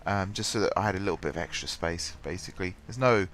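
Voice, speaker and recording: A gaming channel host with a cold rambles through casual commentary on his game, full of ums and restarts, his stuffy voice low-pitched, quick, and a bit bright. Faint music plays behind him, with slight background noise.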